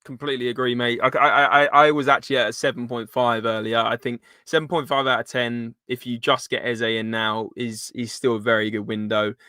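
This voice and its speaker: A man's voice: mid-range voice, little pitch movement, fairly quick, few pauses, bright, forceful tone, no room sound, clean studio sound. A man hosting a casual live football chat in informal, matey slang. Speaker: live stream host.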